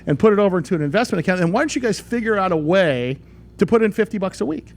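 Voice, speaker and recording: Middle-aged radio guy, rambly, talks quick, faint rumble in the background. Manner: rambling, lively, restarts sentences. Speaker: radio show host. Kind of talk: casual radio talk.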